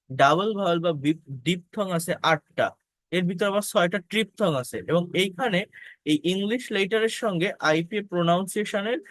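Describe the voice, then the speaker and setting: A man's voice: high voice, fairly bright tone, dry recording. A man teaching an English pronunciation lesson, explaining patiently, repeating key points and speaking directly to his viewers. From Bangladesh.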